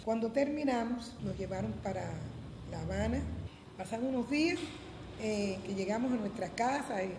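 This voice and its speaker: A woman in her seventies from Cuba with a Cuban accent, giving documentary testimony at a measured pace with hesitant fillers. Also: a little high, animated. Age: 70s. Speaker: interviewee, former volunteer teacher. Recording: roomy echo with noise.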